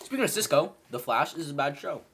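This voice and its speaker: A man's voice: a little high, lively intonation, a little fast, fairly bright tone, slightly rough. A man in casual chat among friends, teasing and sarcastic.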